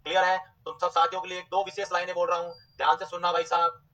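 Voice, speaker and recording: High-pitched guy teaching nursing class, repeats terms slow, kinda far from mic and muffled. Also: completely flat delivery, pushed and bright, faint music behind. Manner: drills terms by repeating them slowly, quizzes students. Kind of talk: online exam coaching lecture.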